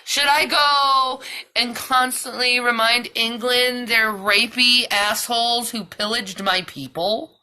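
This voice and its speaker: Woman vlogger, profane heated rant, slow delivery, sharp bright tone. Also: a little high, fairly even intonation. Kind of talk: ranting monologue.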